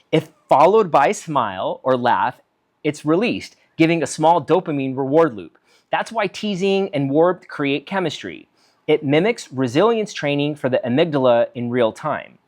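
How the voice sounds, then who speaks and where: A man speaks with a lively, swinging pitch, his voice rising and falling freely. He is a physician giving a solo talk, reading from notes and acting out example lines. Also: normal speed. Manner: animated, acts out quoted lines, reads from notes. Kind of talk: solo talk on conversation skills.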